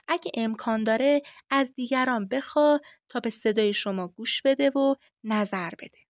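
A woman hosting a podcast lesson on voice work, explaining things clearly and step by step. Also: fairly high pitch, fairly bright tone, no room sound, studio quality. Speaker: voice-acting teacher.

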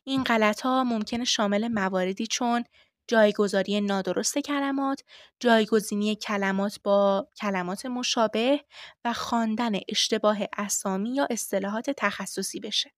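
A woman hosting a podcast lesson on voice work, explaining things clearly and step by step. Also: medium pitch, dry recording, studio quality. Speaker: voice-acting teacher.

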